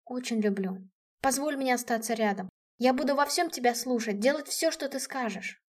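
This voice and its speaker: A woman narrator gives voice to a young heroine pleading with the man she loves. Her voice stays fairly high and soft, close and earnest. It belongs to a storybook romance. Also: normal speed, lightly acted. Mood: tender.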